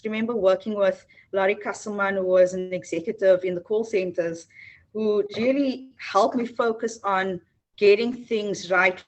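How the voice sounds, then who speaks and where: South african woman, hr executive, interview guest, earnest, lots of ums, mid pitch. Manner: warm, earnest, with frequent ums and restarts. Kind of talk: interview answers.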